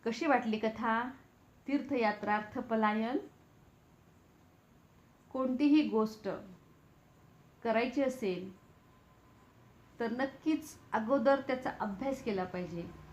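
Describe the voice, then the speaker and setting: A woman reading a classic novel aloud in measured, expressive storytelling style. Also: fairly high pitch. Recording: roomy, dull-toned recording.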